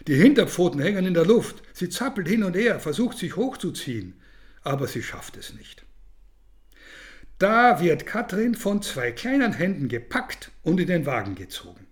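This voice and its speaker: A man narrating a children's story in an expressive, storytelling manner. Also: high-pitched, moderate pace.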